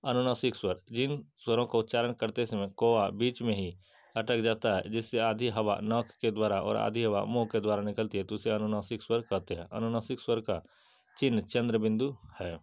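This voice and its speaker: A man giving an exam-prep grammar lesson, reciting definitions and examples in a steady list-like way and answering his own questions. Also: on the low side, normal speed. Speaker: teacher.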